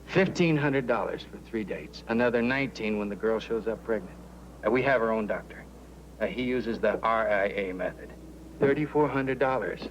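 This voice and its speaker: Man playing a slick oily recruiter, slow sales pitch, faint hiss behind, old tv drama. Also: close to an everyday voice, rough recording. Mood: persuasive. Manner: persuasive, oily, drawn-out. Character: smooth-talking male baby-racket recruiter. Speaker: baby racket recruiter. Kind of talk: 1980s TV drama acting.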